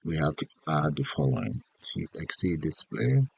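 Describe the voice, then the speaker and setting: A man giving an unscripted software tutorial as an instructor, thinking aloud in short instructional fragments. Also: extremely low pitch, lively intonation, normal speed, gravelly, slightly rough, no room sound. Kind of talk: unscripted step-by-step screen tutorial narration.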